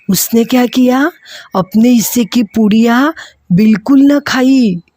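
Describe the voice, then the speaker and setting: Slow, expressive woman teacher telling a story. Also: on the high side, no room sound. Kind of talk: reading and retelling a story for a class.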